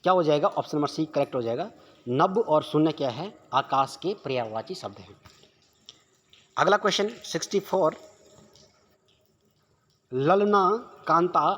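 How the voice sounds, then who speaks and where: A man's voice: on the high side, a bit bright. A man teaching exam prep questions, who keeps asking rhetorical questions and answering them himself.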